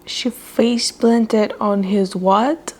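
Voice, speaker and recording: A young book vlogger chats on camera while reading a romance novel, retelling the characters' lines casually and laughing often. Her mid-range voice is a little mellow, steady in tone, and extremely slow.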